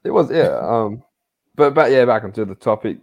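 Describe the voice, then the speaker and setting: A man's voice: medium pitch, animated, normal speed, vocal fry, highs cut off. A man co-hosting a casual sports podcast, explaining things in a hesitant way that trails off. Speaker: podcast co-host.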